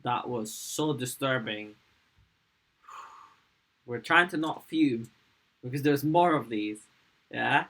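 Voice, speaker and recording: A man hosting a reaction video, talking straight to his viewers in a halting, agitated way. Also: mid-range voice, fairly bright tone, poor audio. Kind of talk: casual reaction commentary.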